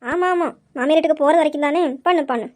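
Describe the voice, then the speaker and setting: A woman's voice: sits high, a little mellow, lightly acted. A woman playing a nagging, scolding mother. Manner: bossy, scolding, quick retorts. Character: nagging, scolding middle-aged mother, sharp-tongued. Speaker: scolding mother in a family skit. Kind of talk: comic family skit acting.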